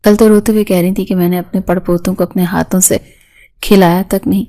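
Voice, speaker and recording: A woman reading a gentle grandmother. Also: fairly low pitch, level tone, lightly acted. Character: warm middle-aged mother and grandmother.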